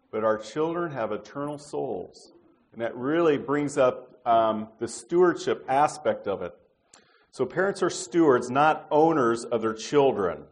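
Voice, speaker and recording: A middle-aged man delivers a sermon in an unhurried, conversational way. His voice sits at an ordinary male pitch. He often pauses on "uh" and restarts his sentences. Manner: unhurried, conversational preaching with frequent fillers and restarts. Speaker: preacher.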